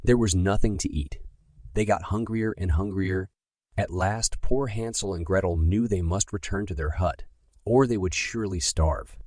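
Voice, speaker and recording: In a low, husky voice with a darkish tone, a man reads a scripted children's bedtime story, telling it slowly and dramatically. The recording is close and dry, with no room sound.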